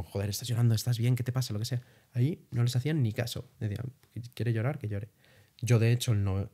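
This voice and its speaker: A young man from Spain, telling his travel experiences as a guest in a casual interview, swearing lightly as he goes. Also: mid-range voice. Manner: animated storytelling with casual swearing.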